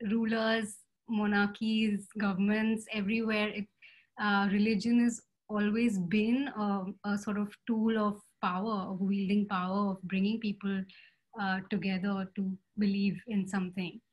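A woman in her thirties talks over a laptop webcam from a room at home. She speaks in a halting, searching way, circling back and restarting her sentences as she thinks. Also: mid-range voice, level tone. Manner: hesitant, many fillers and restarts. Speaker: panelist artist. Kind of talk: casual video call discussion. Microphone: laptop webcam video call.

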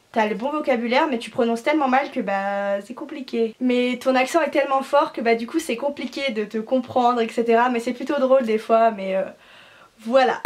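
A young woman from France in her twenties, chatting to camera in a gushing, slangy way with lots of fillers. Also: on the high side. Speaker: au pair vlogger. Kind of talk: casual talk to camera.

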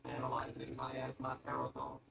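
A calm male medical robot tends the wounded in a measured, clinical way, reassuring but blunt. His voice has a gravelly grain. The game audio around him is echoey with steady background noise. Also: very deep voice, heavily acted. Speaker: field hospital helper unit.

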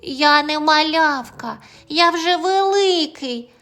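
A woman's voice: high voice, animated, takes it slowly, fairly bright tone, voice pushed up, exaggerated voice. A woman voicing a small timid boy mouse who sounds eager and hurt, speaking plaintively in an audio fairy tale.

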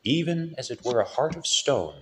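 A male priest giving a solemn sermon with a lively rise and fall in his preaching. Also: mid-range voice, slight background noise. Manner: slow, solemn preaching with lively rises and falls.

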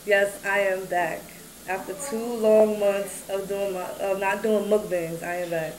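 A woman's voice: mid-range voice, fairly even intonation, unhurried, darkish tone, a little hiss or hum, rough recording. A young adult woman hosting a casual eating vlog, upbeat and chatty as she coaxes her child along. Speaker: mukbang vlogger, host.

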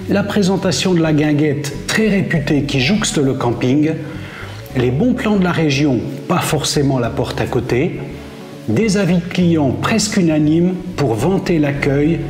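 A man in his fifties presenting a campsite in a steady, clearly scripted travel-vlog narration, seated at a table facing the camera. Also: a little high, a little slow. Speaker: travel vlogger. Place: indoor room with brick wall. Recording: roomy echo with soft music behind.

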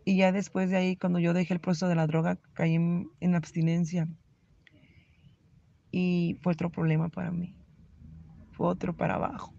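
A middle-aged Mexican woman giving an earnest, halting personal faith testimony about recovering from addiction. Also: on the low side, little pitch movement, vocal fry, dark tone. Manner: earnest, halting, emotional confession. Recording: slightly dull lo-fi audio with faint background noise.

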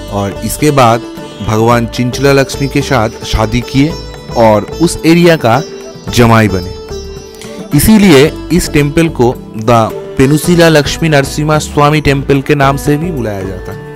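A man's voice: medium pitch, unhurried. Man narrating a voice-over over sitar music. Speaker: travel vlogger. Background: clear sitar music.

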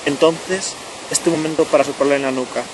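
A person speaking right in the listener's ear, guiding a relaxation in slow, short, measured phrases. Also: medium pitch, fairly even intonation. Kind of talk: slow guided relaxation narration, spoken to the listener. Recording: clear noise of rushing water. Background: running stream, natural outdoor ambience.

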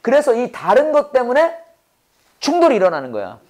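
A man's voice: very high-pitched, huge pitch swings, brisk, darkish tone. A Korean-speaking man teaching a Bible-based English lesson to a class. He drills phrases with call-and-response and laughs often.

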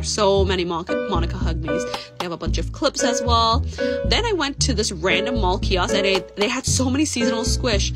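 Woman in casual haul voice-over, mid pitch, loud music bed under her. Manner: chatty, enthusiastic, quick asides. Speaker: vlogger.

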